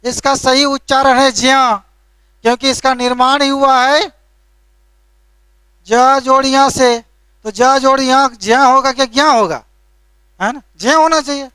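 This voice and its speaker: Lecturing a classroom, a male teacher speaks in a very high, bright, forceful voice that is smooth and resonant, with fairly even intonation. He is unhurried and takes long pauses, explaining patiently, scolding lightly and ending each point with a tag question. The sound is dry and close.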